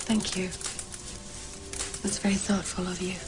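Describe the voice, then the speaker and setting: An actress playing a wistful, caring mother in a naturalistic TV movie, with a soft, hesitant manner. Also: fairly low pitch, little pitch movement, measured pace, noisy background, close to an everyday voice. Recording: music behind dialogue.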